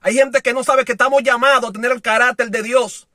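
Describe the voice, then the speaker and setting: A man preaching with a high, bright, cutting voice, heard dry and close. He swings from forceful declarations to hushed, low lines and acts out the people in his stories. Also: fairly even intonation, brisk, no echo. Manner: impassioned, shifting from loud to soft, acting out quoted voices. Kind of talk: sermon.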